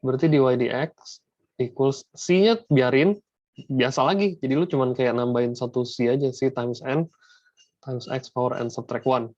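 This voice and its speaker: A man's voice: mid-range voice, fairly even intonation, a little slow, darkish tone, no echo. A man tutoring math in a casual online lesson, slangy and dropping English math terms into his talk. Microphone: video call. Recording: dull lo-fi video call audio.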